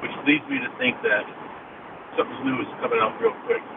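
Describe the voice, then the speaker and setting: A man's voice: mid-range voice, wildly swooping pitch, fairly quick, creaky. Caller, male, chatty, on a tinny, hollow car phone that sounds like a cave, road noise behind. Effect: hollow cave-like echo on a car phone. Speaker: radio call-in caller. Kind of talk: casual call-in chat. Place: inside a car being driven. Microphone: hands-free car phone.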